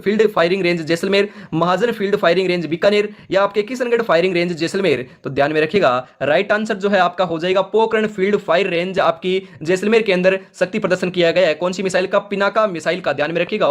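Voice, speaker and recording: Fast-talking high-voiced male teacher. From Rajasthan, India. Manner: reads question and options, then repeats the answer emphatically; addresses viewers as friends, urges them to remember. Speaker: exam coaching teacher. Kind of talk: current affairs quiz lesson.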